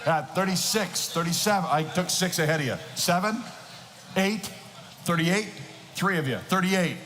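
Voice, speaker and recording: A man with a high voice delivers an auctioneer chant, repeating numbers rhythmically and pressing insistently for bids. His voice rings through a big reverberant hall, with some noise around him. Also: normal speed, a bit bright. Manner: insistent, rhythmic bid calling. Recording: echoing hall PA with noisy ambience.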